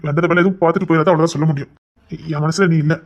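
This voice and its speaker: A woman's voice: sits low, fairly even intonation, very fast, a little mellow, close to an everyday voice. A woman voicing a proud, brusque husband in an audio drama, speaking in a grumbling, dismissive way. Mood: gruff, dismissive. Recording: dull lo-fi recording.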